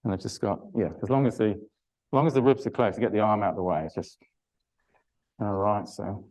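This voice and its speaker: Older guy running a pilates class, lowish voice, rambly with lots of ums, grunts as he works the muscle. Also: fairly quick, darkish tone, poor audio. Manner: chatty, hesitant, many fillers and restarts; groans with effort during self-massage. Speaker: Pilates instructor. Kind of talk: live online exercise class.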